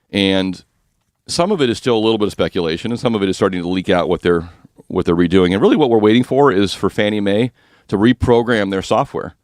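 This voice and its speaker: A deep-voiced man with a slightly rough, husky tone hosts a finance talk radio show, explaining mortgage rules in a chatty, joking way. The sound is studio quality, with no room sound.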